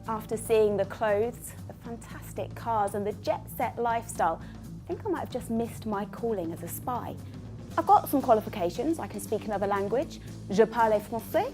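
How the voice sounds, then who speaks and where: A woman's voice: fairly high pitch, lively intonation, moderate pace, over music. A woman interviewer chatting with film cast, talking in a chatty, playful way. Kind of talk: casual film junket interview and presenter piece.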